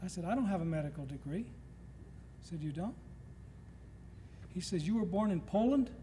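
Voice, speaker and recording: Telling stories and playing the parts of the people he quotes, a middle-aged man from Nashville, Tennessee gives a humorous guest lecture in a lecture hall before an audience. His voice is high, expressive and mellow at normal speed. The recording is old tape, reverberant, with faint noise.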